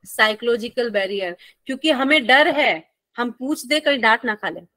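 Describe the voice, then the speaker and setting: A woman's voice: fairly high pitch, expressive, moderate pace, bright, forceful tone, no room sound. A woman teacher, giving a friendly, playful lecture and asking her students questions as she goes. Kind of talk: classroom lecture.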